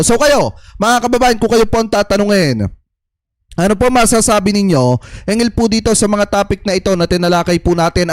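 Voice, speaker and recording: Male vlogger, high-pitched, dry close sound, earnest direct address to viewers. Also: dry recording. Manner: earnest, repeatedly asks viewers for their view. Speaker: political commentary vlogger. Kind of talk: casual commentary addressing viewers.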